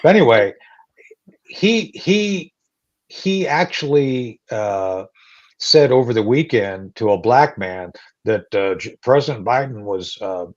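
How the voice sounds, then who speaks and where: A man's voice: medium pitch, animated, slow. A male talk show host chats casually in a joking, rambling way, dropping lots of fillers. His voice sits in the middle of the range, and the recording sounds dull and lo-fi.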